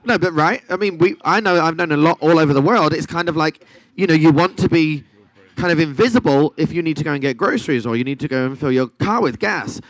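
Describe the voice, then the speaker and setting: A sassy man on a podcast panel, teasing the others one moment and earnest the next. His voice sits fairly high, and the sound is dry and close. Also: quick pace, no room sound, rough recording. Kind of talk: casual group chat.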